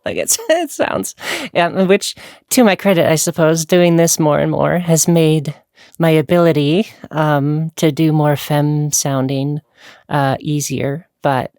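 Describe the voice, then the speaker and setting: A woman in relaxed conversation, her mid-pitched voice edged with a gravelly fry. She talks candidly and loosely, laughing often. The sound is close and dry. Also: unhurried, no room sound. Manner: candid, giggly, rambling. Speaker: YouTuber host. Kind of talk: casual chat.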